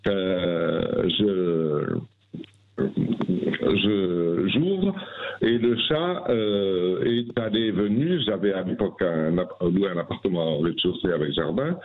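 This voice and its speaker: Guy phoning into a radio show, kinda low voice, rambles and restarts a lot, tinny phone sound. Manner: rambling, hesitant with many restarts. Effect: phone line. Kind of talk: telling a personal anecdote on air.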